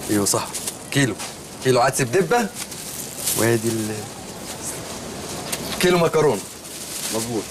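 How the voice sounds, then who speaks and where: A man's voice: mid-range voice, animated, normal speed, pauses often, noisy background, close to an everyday voice. An actor playing a naive, earnest male shopkeeper in a comedy film, speaking with an Egyptian accent and telling rambling, literal-minded stories. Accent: Egyptian Arabic.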